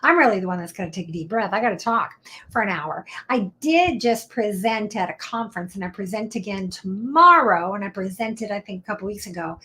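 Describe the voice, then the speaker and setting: A woman's voice: medium pitch, bright, forceful tone, a little hiss or hum. Upbeat, talkative woman lawyer hosting a live stream; casual, chatty delivery. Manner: chatty, upbeat and talkative, drops into whispered asides. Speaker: attorney hosting a live legal Q&A show.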